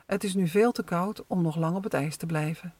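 Brief: kindly upbeat old grandpa in a read-aloud story, slightly raised and louder, as a narrator puts him on, close dry mic. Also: mid-range voice, brisk, no room sound, natural voice. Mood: reassuring. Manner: cheerful, encouraging.

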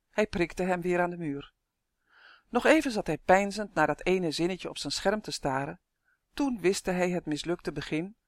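A narrator reading a children's storybook aloud in a steady, clear telling. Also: mid-range voice, no echo, clean studio sound. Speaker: audiobook narrator.

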